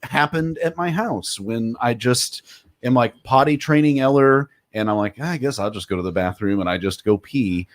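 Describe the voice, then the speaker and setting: A man's voice: medium pitch, normal speed. A man co-hosting a podcast, a father telling a story in a laid-back, wry casual chat.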